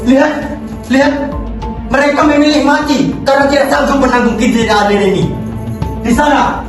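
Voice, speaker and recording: A woman's voice: high-pitched, fairly even intonation, brisk, close to an everyday voice. A young woman playing a tragic heroine, a poor chained prisoner pleading in anguish in a theatrical monologue. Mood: grieving, accusing. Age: teenager. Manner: anguished, pleading, dramatic declamation. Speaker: student actor in a theatre monologue. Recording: echoey hall from far off, music behind. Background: music.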